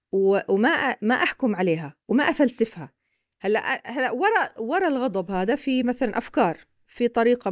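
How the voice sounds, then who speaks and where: Woman, Levantine Arabic accent, podcast expert, patient explainer, rapid delivery, mid pitch. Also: no room sound, studio quality.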